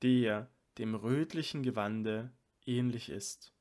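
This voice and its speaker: An elderly-minded sage, devoted and tearful, speaks with reverent emotion, read aloud by a man. The delivery is slow and measured, as in an audiobook of a sacred play. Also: mid-range voice, a little mellow, close to an everyday voice. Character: tearful devoted male sage, overcome with love.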